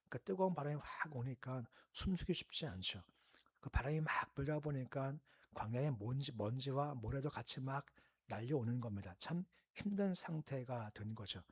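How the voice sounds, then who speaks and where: A male pastor delivers an early-morning prayer sermon, teaching in a calm, conversational way and putting questions to his listeners. His voice is medium in pitch and slightly rough.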